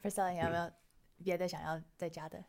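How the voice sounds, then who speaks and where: Woman host, curious interviewer tossing in English words, slightly low voice. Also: flat delivery, fast, darkish tone. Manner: code-switches with English words. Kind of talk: interview questions.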